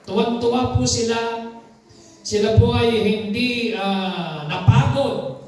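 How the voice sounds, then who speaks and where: A man's voice: very high voice, slow, a little mellow. A man with a Filipino accent preaching a sermon, reading scripture aloud and calling for amens. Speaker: pastor. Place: church hall. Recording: echoey hall, voice from far off.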